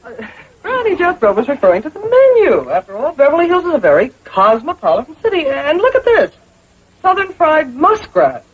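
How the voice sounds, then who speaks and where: An actress playing a prim, cultured secretary with a crisp, proper way of talking. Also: female voice, high voice, huge pitch swings, brisk. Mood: polite. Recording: dull 1960s TV audio, laugh track.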